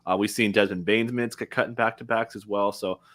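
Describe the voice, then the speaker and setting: A man's voice: on the low side, fairly even intonation, fairly bright tone. A man analyzing fantasy basketball in loose, casual talk with lots of fillers. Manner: loose, filler-heavy, quick informal talk. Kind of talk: casual chat.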